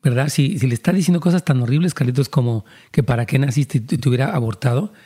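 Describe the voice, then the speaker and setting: A man's voice: medium pitch, fast talker, warm tone, breathy edge. A man, a pastor giving earnest counseling talk and speaking directly to listeners.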